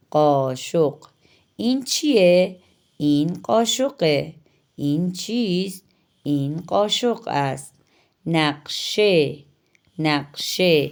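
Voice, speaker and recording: A woman teaching Persian vocabulary in Urdu. She says each new word slowly and asks each practice question in a raised voice. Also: low-pitched. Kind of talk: language lesson.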